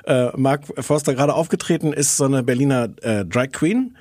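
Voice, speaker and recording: A man's voice: mid-range voice, moderate pace, darkish tone, dry recording, studio quality. A man co-hosting a podcast in casual chat, stammering and repeating words. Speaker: podcast co-host.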